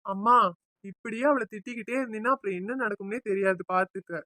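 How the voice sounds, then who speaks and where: A woman's voice: medium pitch, fast, pushed and bright, no room sound, studio quality, natural voice. A woman voicing a devoted young husband in a family cartoon, affectionate with his wife and firm with his mother.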